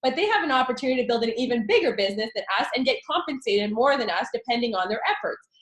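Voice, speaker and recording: A woman with a fairly high voice talks up her business in a rush of excited chatter, full of fillers and little asides. The sound bounces around a roomy, echoey space. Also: racing. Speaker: network marketing consultant. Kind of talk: enthusiastic business pitch. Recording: echoey room.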